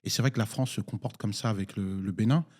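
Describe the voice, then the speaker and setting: A man's voice: lowish voice, quick pace, a little mellow. A man from Nigeria, a municipal councillor speaking in a political debate, hesitant with many fillers and restarts.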